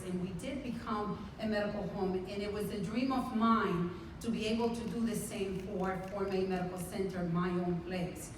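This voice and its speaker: In a large conference hall, captured from far off with heavy echo and background noise, a Dominican medical center CEO speaks on a panel in a mid-range voice. Her manner is earnest, heartfelt and full of pride.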